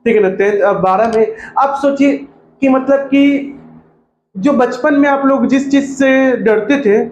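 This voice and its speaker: A male coaching teacher, talking to a class in a joking, lively way and mimicking students. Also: very high-pitched, a little slow, highs cut off. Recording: echoey classroom with faint noise.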